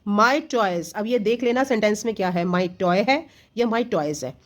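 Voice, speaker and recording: A woman's voice: medium pitch, unhurried. A woman teacher giving an exam-prep grammar lesson to children, explaining patiently step by step in Hindi mixed with English, often asking a question and then answering it herself.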